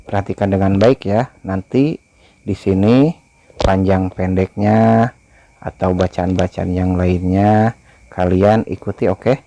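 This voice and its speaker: A man's voice: low-pitched, steady tone, dark tone. A young man teaching children a Quran recitation lesson over distance learning, patiently repeating words and correcting pronunciation. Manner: recites verses slowly and drawn out, then explains pronunciation to children. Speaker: religion teacher.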